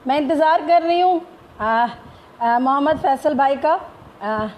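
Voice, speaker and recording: A woman's voice: high voice, measured pace, darkish tone. A woman hosting a live stream, opening with formal greetings and often hesitating between phrases. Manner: formal Urdu-inflected greetings, many hesitations.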